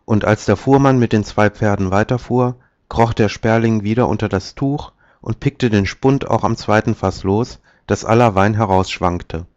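A man reads an old fairy tale aloud in a calm, measured way, his voice fairly low. The recording is muffled and lo-fi. It is completely dry, with no room sound. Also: no echo. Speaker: narrator.

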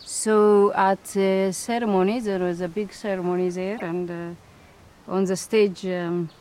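A middle-aged woman scientist from Ethiopia, answering interview questions thoughtfully with many pauses, fillers and restarts. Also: mid-range voice, fairly even intonation, darkish tone. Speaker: scientist and institute director.

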